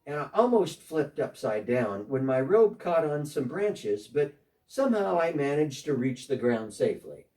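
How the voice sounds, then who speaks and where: Taking the part of a short, earnest tax collector, a man delivers a first-person dramatic monologue about his change of heart, telling it earnestly as if on a phone call. His slightly high, mellow voice rises and falls lively, and he's miked from a distance.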